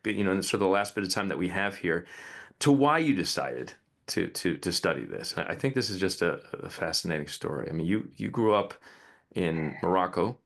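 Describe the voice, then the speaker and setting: A man's voice: deep voice, animated, fairly quick, creaky. A man hosting an interview podcast, speaking loosely and thinking aloud with restarts. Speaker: podcast host. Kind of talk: conversational interview.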